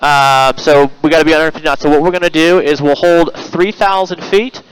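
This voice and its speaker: Higher-pitched male flight instructor, clear voice. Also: brisk, poor audio. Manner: calm, encouraging, step-by-step instructing. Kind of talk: flight instruction in the cockpit, talking a student through maneuvers. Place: small airplane cockpit in flight. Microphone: aviation headset intercom.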